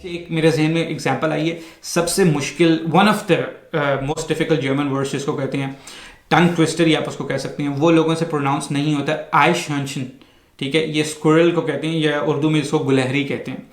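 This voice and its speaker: A man's voice: fairly high pitch, little pitch movement. A man, teaching a language casually and spelling words out letter by letter. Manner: explains slowly, spelling out letters one by one. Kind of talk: casual spoken lesson. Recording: echoey room.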